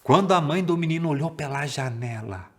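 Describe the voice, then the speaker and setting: A man with a Brazilian accent from Paraná, telling a folk tale to children in a lively, theatrical way and stretching words for effect. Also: fairly high pitch, fairly quick, creaky. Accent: Paraná Brazilian Portuguese. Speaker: storyteller. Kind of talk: children's storytelling.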